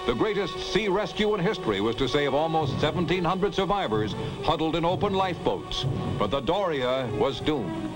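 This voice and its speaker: A man's voice: a little high, very animated, moderate pace, music in the background, rough recording. A man narrating an old 1950s newsreel in the announcing manner of the era.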